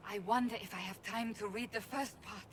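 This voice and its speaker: A woman's voice: medium pitch, steady tone, a little fast, a little hiss or hum, lightly acted. An actress playing a stern woman warrior who eagerly begs for the rest of a story, in video game dialogue.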